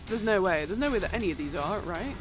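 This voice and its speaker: A young woman streaming live, chatting casually and excitably while she plays a trivia game, giggling and swearing often. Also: mid-range voice, quick pace. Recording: game music playing behind.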